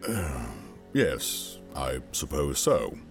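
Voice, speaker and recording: Guy acting a haughty space empire governor, really deep voice, formal and theatrical, audio drama with music under it. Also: big pitch swings, drawn-out words, exaggerated voice. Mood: deferential, uneasy. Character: brooding, haughty male imperial governor with dark secrets.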